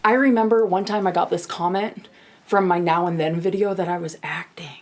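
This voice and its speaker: A woman's voice: on the low side, steady tone, a little fast, a little mellow. A woman vlogger talking about music, chatty and emotional, reading excerpts aloud. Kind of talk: vlog commentary with readings.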